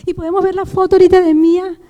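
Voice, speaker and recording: A woman's voice: very high-pitched, level tone, very fast, mellow, in a large hall, lo-fi sound. A woman giving an emotional testimony in a sermon, retelling the story with many restarts, in a church. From Venezuela. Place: church sanctuary.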